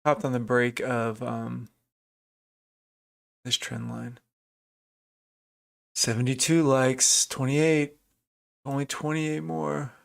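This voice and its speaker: A man's voice: medium pitch, level tone, takes it slowly, creaky, long pauses. A man commenting casually on a live trading stream, thinking aloud and answering chat viewers. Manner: thinking aloud, chatty, restarts, reads out chat names. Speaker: livestream day trader.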